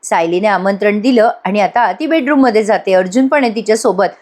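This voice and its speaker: A woman's voice: medium pitch, a little fast, a little mellow. A woman giving a chatty voice-over recap of a tv serial episode, talking straight to viewers. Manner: chatty, addresses viewers directly.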